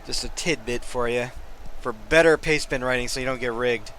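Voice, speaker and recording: A man's voice: medium pitch, moderate pace, a bit bright, a little hiss or hum. A tired, yawning man giving casual, joking commentary over a live-streamed football game, with rambling asides. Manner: jokey, rambling asides, laughs often. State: sleepy, yawning.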